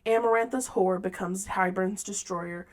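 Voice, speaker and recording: A woman's voice: mid-range voice, steady tone, moderate pace. A woman hosting a casual book-club chat, recapping scenes and reading passages aloud. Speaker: podcast host.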